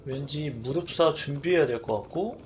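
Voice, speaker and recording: A man streaming a game live, muttering asides that break into excited scolding at the screen. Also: a little high, rapid-fire. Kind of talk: live gameplay commentary. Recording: noticeable background noise.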